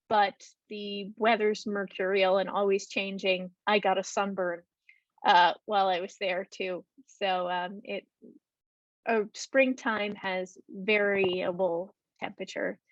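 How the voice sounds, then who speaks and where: Over a video call, a woman with a mid-range voice presents a travel talk and answers audience questions, hesitating with many ums and restarts. The lo-fi call audio is dull, with no room sound.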